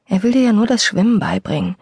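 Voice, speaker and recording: A woman voicing a nervous, snappish teenage girl in a storybook reading, with a breathy voice. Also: medium pitch, expressive, fast, a little mellow, no room sound, voice pushed up.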